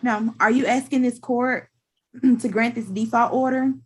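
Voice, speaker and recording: A woman speaking as a state's attorney in a formal, halting, procedural way on a video call. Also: a little high, steady tone, husky. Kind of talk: formal courtroom questioning.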